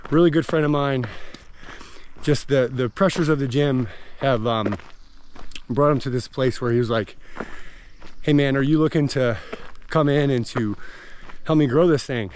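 An American man in his thirties, a vlogger who owns a gym, chats casually with his viewers. His voice is mid-range and darkish, at a normal speed. He starts outdoors on a forest trail and later moves into a car, with outdoor and vehicle background noise clearly audible.

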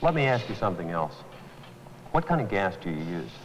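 A man's voice: deep voice, sing-song, brisk, in a large hall, a little hiss or hum, poor audio. Patient, reassuring mechanic man. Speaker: mechanic serving a customer. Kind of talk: 1980s educational film acting.

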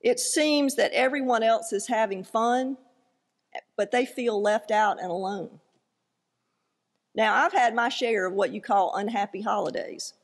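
A woman pastor preaches slowly and earnestly, her voice carrying a gravelly fry. She is recorded in a church sanctuary, and the sound trails off into a long hall reverb. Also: on the high side. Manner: measured, earnest delivery with light self-deprecating asides. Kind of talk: sermon with scripture reading.

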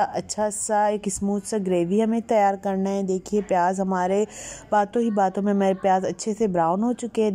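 A woman's voice: mid-range voice, dark tone. A woman hosting her home cooking channel, chatting viewers through a recipe step by step in a voice-over. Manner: chatty, repeats "ये देखिए" while guiding viewers step by step.

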